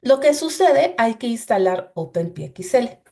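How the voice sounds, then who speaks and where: A woman leads a coding class over a shared screen. Her voice sits a bit high, and she walks students through each step in a patient, explanatory way, leaning on "entonces" as she goes. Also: sing-song, a little slow, gravelly, warm tone. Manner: explanatory, addresses students directly with frequent "entonces". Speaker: instructor.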